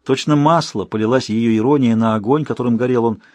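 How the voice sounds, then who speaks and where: A man narrating an audiobook in a measured, steady reading. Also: mid-range voice, dry recording. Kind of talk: scripted narration.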